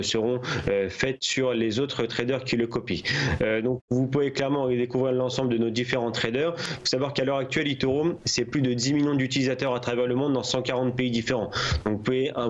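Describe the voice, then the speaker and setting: A man's voice: medium pitch, lo-fi sound. A man presents a product as an interview guest over a remote link, explaining with hesitations and repeated words. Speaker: guest account manager presenting a trading platform. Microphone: remote duplex link.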